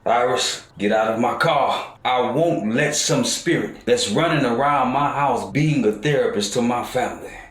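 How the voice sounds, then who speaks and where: A man's voice: mid-range voice, normal speed, few pauses, close to an everyday voice. A man voicing a furious old grandfather. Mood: harsh. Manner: harsh, yelling, threatening. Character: hostile, hot-tempered grandfather, older man. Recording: roomy echo.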